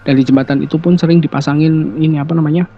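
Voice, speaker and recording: Relaxed man telling ghost stories. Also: on the high side, quick pace. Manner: relaxed, hesitant, many fillers. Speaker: guest telling ghost experiences. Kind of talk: casual storytelling. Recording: dull lo-fi sound.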